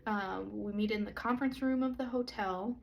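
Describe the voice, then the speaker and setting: A woman speaks at an unhurried, reflective pace in a self-recorded church video. She is a pastor's wife and church co-founder inviting viewers in. Her voice sits at a middle pitch. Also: creaky, lo-fi sound. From southern United States. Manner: slow, reflective, earnest and inviting. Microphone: self-recorded camera or phone.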